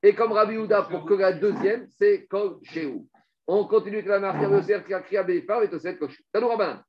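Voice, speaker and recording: A man teaching a Talmud lesson, explaining rapidly and animatedly while reading out Hebrew and Aramaic passages. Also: high voice, a little hiss or hum. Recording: dull lo-fi recording.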